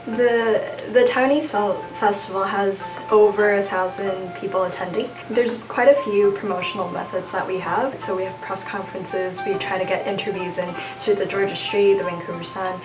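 A woman festival organizer explaining things in a matter-of-fact way. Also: mid-range voice. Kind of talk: interview answer. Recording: roomy, distant voice with loud music.

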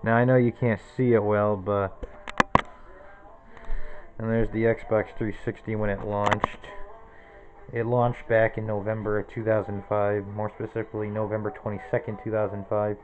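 A man's voice: lowish voice, flat delivery, normal speed, narrow, tinny audio, over music. A man in his twenties giving a casual, rambling tour of his small cluttered bedroom, naming objects one after another into a handheld camera. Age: 20s. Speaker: vlogger. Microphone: handheld camera close to the face.

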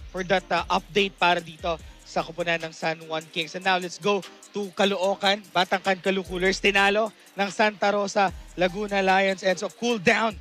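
A young Filipino man anchors a sports broadcast. He has a raised, bright voice on a headset mic, with faint music behind him. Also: sits high, flat delivery, normal speed. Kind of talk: sports broadcast presenting, mixing English and Tagalog.

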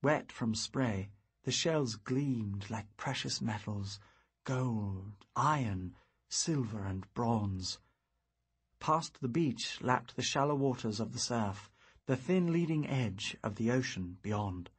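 A man narrates a fantasy audiobook in the first person, his voice deeply breathy and husky. He takes his time, lingering over each phrase. His pitch rises and falls expressively as he tells the story. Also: animated. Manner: measured, reflective storytelling.

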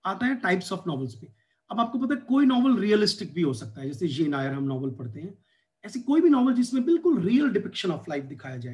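A man's voice: high-pitched, darkish tone. A man from India lecturing on English literature for exam preparation, switching between Hindi and English with an Indian accent and frequent fillers.

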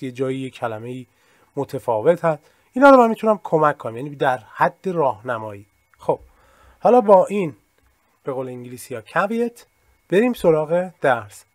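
Man explaining a lesson, first language Persian, fairly high voice, dry close sound, modest asides. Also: no echo. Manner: explains at length, hedges modestly, leans on examples. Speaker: English teacher. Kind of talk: recorded screen-share lesson.

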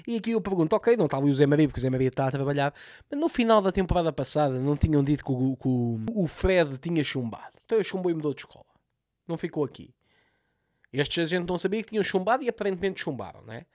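A man's voice: a little high, expressive, quick pace, a little mellow, no echo, studio quality. A man with a Lisbon Portuguese accent doing a comedic recap of a TV series, sarcastic and full of swearing. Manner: sarcastic, swears a lot, mocks the scenes.

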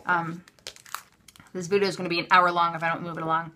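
At a craft table indoors, a woman vlogger shows off a craft haul in casual, unscripted show-and-tell, with slight background noise. Her voice is on the low side, fast, bright and forceful with flat delivery, and she's chatty and offhand, often interrupting herself as she presents items.

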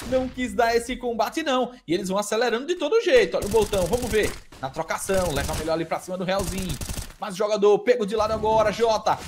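A man with a Brazilian accent calling esports play-by-play, with rapid excited calls that break into shouts. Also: high-pitched, background noise. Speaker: play-by-play caster.

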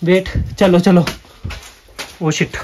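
On a green hillside and then inside a cramped cave, a young adult man records a casual challenge vlog on a phone held at arm's length, with slight background noise. He speaks slowly in a voice high for a man, yet stays excited and chatty, joking and repeatedly addressing his friend as "bhai."

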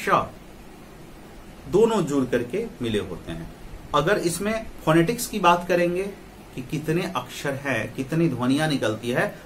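A man's voice: a little high, a little hiss or hum. A man giving a spoken lecture on Hindi pronunciation, explaining carefully, asking rhetorical questions and repeating sounds as examples.

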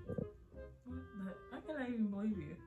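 A woman's voice: fairly high pitch, lively intonation, normal speed, phone-quality sound, faint music behind. A woman reacting bluntly and skeptically to her boyfriend's prank gifts at home. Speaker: girlfriend, co-host. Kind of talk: casual prank vlog banter.

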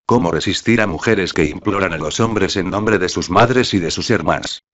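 A man reads a novel aloud in a steady, measured way. His voice is very low and deep. The recording is dull and lo-fi, without much sparkle. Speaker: audiobook narrator. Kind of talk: scripted narration.

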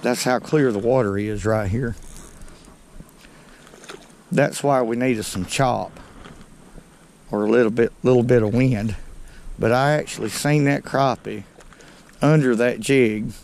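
A man's voice: mid-range voice, vocal fry, a little mellow, slight background noise. Folksy Southern man fishing from a boat. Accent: Southern American. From North Alabama. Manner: folksy, unhurried, talks to viewers as "folks". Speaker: fishing channel host. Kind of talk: casual fishing commentary. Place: small boat on a lake outdoors. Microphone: head-mounted action camera.

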